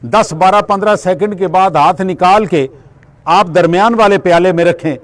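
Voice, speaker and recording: A man giving a spiritual lecture. He explains everyday examples and asks and answers his own questions. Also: high voice. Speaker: religious speaker.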